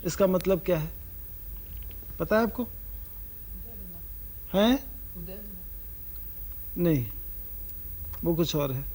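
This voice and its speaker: A man from North India teaches the sarod to a class, speaking in a high, lively voice. He keeps asking his students questions and sings the note syllables aloud to show the scale. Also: very slow, pauses often. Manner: asks the audience questions, sings sargam syllables. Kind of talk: lecture-demonstration to students.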